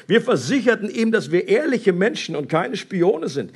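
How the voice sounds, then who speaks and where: A man reading a Bible story aloud and commenting on it in a conversational, animated way with hesitations. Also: sits high, moderate pace, breathy edge.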